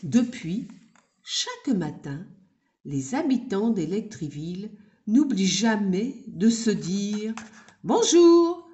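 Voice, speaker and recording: A woman reading a children's story aloud in a gentle, unhurried way. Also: mid-range voice, lively intonation.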